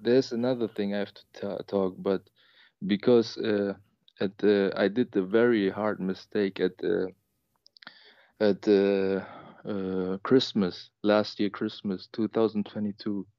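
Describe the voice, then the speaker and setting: A German man in his twenties phones into a call-in show to share a personal story, sounding emotional and hesitant, with many fillers and restarts. His voice is lowish, flat, and unhurried, captured in a muffled recording without echo.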